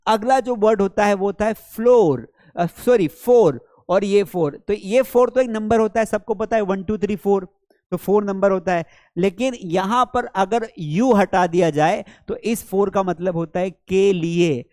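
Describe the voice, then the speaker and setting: A man teaching English vocabulary in a lesson, calling students beta and reading English example sentences slowly. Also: high voice, a little mellow, no echo, clean studio sound. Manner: calls listeners beta, slows right down for English example sentences. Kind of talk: classroom lesson explaining words.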